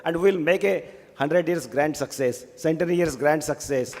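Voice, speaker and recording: A man's voice: a little high, normal speed, background noise. A man with an Indian accent makes a congratulatory public speech as a guest at a ceremony. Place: large hall at a college function. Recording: echoey hall with faint crowd.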